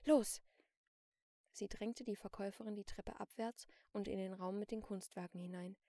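A woman narrates an audiobook at a steady, measured pace. Her voice has a marked creak. The sound is dry, with the mic set a little away from her. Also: medium pitch, dry recording, far from the mic.

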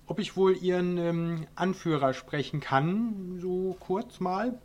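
A man's voice: high-pitched, slow, pitched above the performer's own voice. A man voicing a timid, polite man in a bathrobe who hesitates and stumbles over ums. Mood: nervous polite. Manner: hesitant, full of ums and uhs.

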